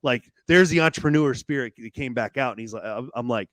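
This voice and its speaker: A middle-aged man, a podcast guest, telling a personal story candidly and haltingly, with restarts and laughs. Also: medium pitch, fairly bright tone, no room sound, studio quality.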